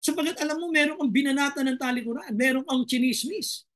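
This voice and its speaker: A man with a Filipino accent preaching a sermon as pastor, reading verses slowly and then pressing listeners with rhetorical questions. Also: very high voice, fairly bright tone.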